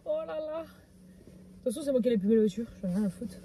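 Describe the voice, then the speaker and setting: A woman's voice: fairly high pitch, animated, fast talker, dark tone, slight background noise. A woman bantering offhandedly and teasing her companion in casual talk. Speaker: companion in the vlog.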